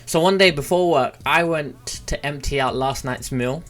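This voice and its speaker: A young British man in his twenties, a vlogger, chats casually to camera from a small room at home, telling stories in an informal, mildly sweary way. His voice sits on the high side with a fairly bright tone and a moderate pace. He speaks close into a foam-covered desk mic mounted on a boom arm.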